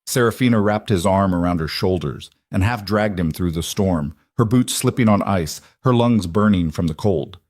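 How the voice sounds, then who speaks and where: A man narrating a scripted audiobook romance story in a measured, dramatic storytelling manner. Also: low-pitched, darkish tone, no room sound, clean studio sound.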